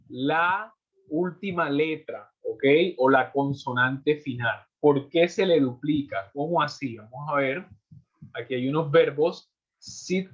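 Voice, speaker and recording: A man teaching an English class in Spanish, explaining rules step by step and checking in with his students after each point. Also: fairly high pitch. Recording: muffled lo-fi audio.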